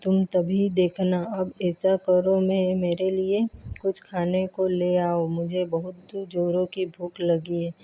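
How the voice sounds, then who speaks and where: A woman's voice: on the low side, completely flat delivery, takes it slowly, dark tone. A woman voicing a foolish, scheming village man in a storybook tale, boastful and whiny, on a dull lo-fi recording.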